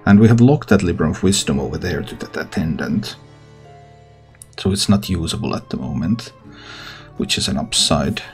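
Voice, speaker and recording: Male gaming host, low and creaky, very varied intonation, casual think-aloud play commentary. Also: expressive, moderate pace, pauses often. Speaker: gaming content creator and host. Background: background music.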